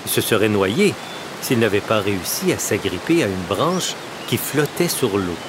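A man reading a children's story aloud, slow and expressive. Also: on the low side, background noise.

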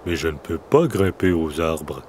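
A man's voice: rumbling low, lively intonation, a little slow, darkish tone, slight background noise, pitched below the performer's own voice. A man voicing a timid, weepy little male bear cub in a storybook reading, with a plaintive, whiny tone.

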